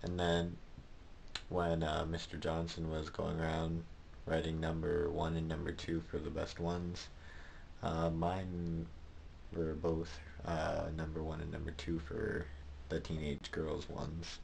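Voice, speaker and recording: A teenage or young adult man with a gravelly bass voice talks slowly in a casual video diary, with slight background noise. He films indoors in his small bedroom, camera at arm's length, and his hesitant, rambling speech stays flat in tone.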